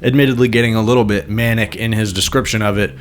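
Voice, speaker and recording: A male podcast host talks through a story in a relaxed, conversational way, leaning on little fillers as he goes. His voice sits somewhat low. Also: quick pace, slight background noise. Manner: conversational, loose with fillers like "kind of". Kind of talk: casual commentary.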